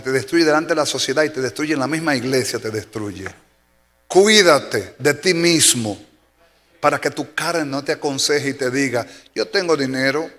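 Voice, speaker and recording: A male pastor from the Dominican Republic, with a medium-pitched, slightly bright voice and a Dominican Spanish accent, preaches emphatically and repeats key phrases for effect. He's in a church sanctuary, heard through long church reverb with faint music.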